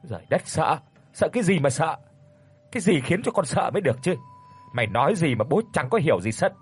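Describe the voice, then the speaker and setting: A man voicing a gruff, worried old father who scolds his frightened daughter quickly. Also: on the high side, sing-song, voice pushed up, exaggerated voice. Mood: scolding worried. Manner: scolding, fast, rustic.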